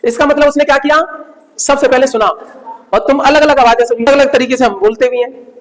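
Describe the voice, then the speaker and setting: A man's voice: very high-pitched, steady tone, a little fast, big-room sound, poor audio. A male teacher giving a classroom lecture, asking his class questions and answering them himself.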